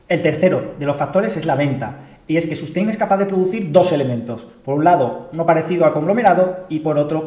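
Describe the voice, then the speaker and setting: Higher-voiced man narrating in an echoey room. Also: a little mellow. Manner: measured, explanatory. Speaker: startup mentor and presenter. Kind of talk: scripted narration.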